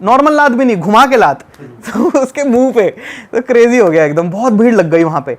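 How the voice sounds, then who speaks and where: A man from Delhi, a travel vlogger, telling a road-trip fight story in an animated, casual way. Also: extremely high pitch, moderate pace. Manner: animated, acts out shouting in the retelling. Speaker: travel youtuber guest.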